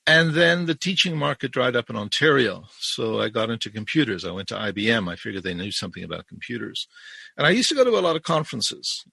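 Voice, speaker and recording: A man's voice: mid-range voice, big pitch swings, fast, creaky, sharp tone, husky, no room sound. An older man from South Africa, a keynote speaker, talking in a conversational interview with a wry, storytelling manner over a remote call.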